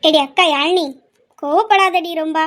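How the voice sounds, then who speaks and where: A woman's voice: extremely high pitch, moderate pace, background noise. A woman voicing an eager younger sister who coaxes her angry elder sister. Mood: coaxing. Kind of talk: amateur family drama.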